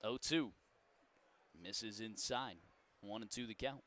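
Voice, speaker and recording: A man's voice: lowish voice, slow pace, a little hiss or hum. Folksy baseball play-by-play man. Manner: folksy, joking, rises to shouts on big plays. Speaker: play-by-play announcer.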